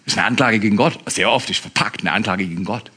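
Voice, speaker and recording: A male pastor preaching a lively sermon to his congregation, swinging from loud, quick appeals to a hushed whisper. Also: on the low side, slightly rough. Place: church.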